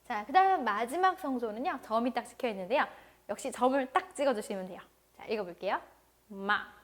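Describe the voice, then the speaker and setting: A woman teaching an online language lecture, patiently repeating each word slowly so learners can follow. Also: a little high.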